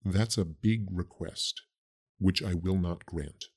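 A man voicing a solemn, cryptic ancient priestess who speaks prophecies slowly and gravely. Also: sits low, a little mellow, voice pushed down, full character voice. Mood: solemn prophetic. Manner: slow, grave, prophetic delivery.

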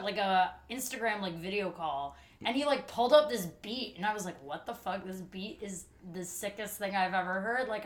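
A guest telling a lively story with laughs, chatting casually in a home studio. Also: female voice, mid-range voice. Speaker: guest, singer. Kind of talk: casual chat. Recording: echoey room.

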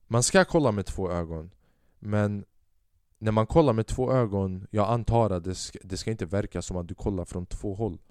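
A man's voice: lowish voice, a little mellow, smooth, no echo, studio quality. A young man hosting a podcast, telling a rambling comic story in casual chat, acting out what people said and swearing freely. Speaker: podcast host. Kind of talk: casual comedic monologue.

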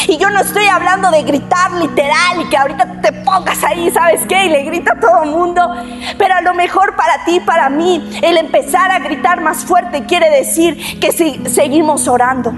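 High-voiced woman preaching. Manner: earnest, keeps asking the listener directly. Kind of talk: sermon to an online congregation. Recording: long reverb with soft music.

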